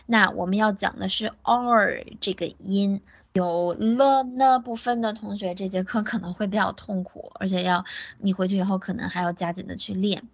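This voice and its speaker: A woman teaching pronunciation in an online class. She switches between explanations and English examples, drilling words slowly syllable by syllable. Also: medium pitch. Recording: dull lo-fi online audio.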